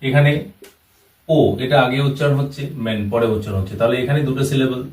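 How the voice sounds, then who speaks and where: A male English teacher with a mid-range voice gives a classroom-style lesson, moving slowly and step by step while repeating terms and examples. He is recorded from a distance in a reverberant room, so his voice sounds far off the mic with a roomy echo.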